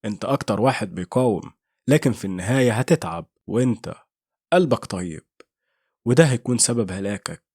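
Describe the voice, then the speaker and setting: A man doing a calm, smiling demon with an Egyptian accent. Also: lowish voice, a little fast, breathy edge, dry recording, clean studio sound. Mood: menacing. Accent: Egyptian Arabic. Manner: soft, smiling menace.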